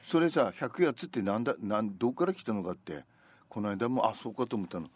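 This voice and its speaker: A man's voice: on the low side, very animated, fast talker, husky, no room sound. An older man with a Tsugaru accent chats casually as a radio co-host, speaking folksy dialect with colloquial endings. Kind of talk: casual chat.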